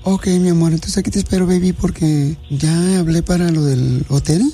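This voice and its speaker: A brash, flirty woman purrs down the line, all crude teasing and pet names, played by a man putting on the voice. Her tone dips low and sultry as she keeps things playful. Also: steady tone, moderate pace, warm tone, soft background music, close to an everyday voice.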